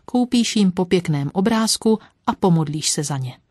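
A woman with a fairly low voice reads a story aloud, gentle and lively as she narrates. The sound is close and dry, with no room around it. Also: no room sound. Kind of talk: audiobook storytelling.

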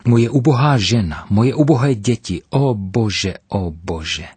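A man's voice: on the low side, animated, darkish tone, breathy edge, dry recording. A man voicing a frightened, desperate male prisoner who pleads in anguish, in a read-aloud story. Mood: wailing.

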